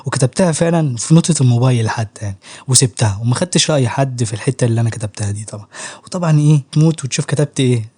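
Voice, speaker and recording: A man's voice: medium pitch, rapid-fire, a little mellow, husky. A young man with an Egyptian Arabic accent, chatting casually to camera about writing, joking in street slang and laughing often. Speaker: YouTuber giving writing advice.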